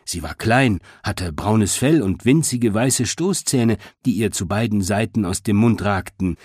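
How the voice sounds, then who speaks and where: Casting: male storybook narrator, low and husky, lively delivery, dry close sound. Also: unhurried, no room sound. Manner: expressive storytelling. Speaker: audiobook narrator.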